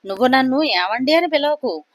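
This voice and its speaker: A jumpy young man, suspicious and quick to panic, raising his voice sharply when startled, as a woman narrator puts him on. Dry, close storybook reading. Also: high voice, lively intonation, dry recording. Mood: alarmed. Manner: indignant, panicky. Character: young man, suspicious, easily flustered husband.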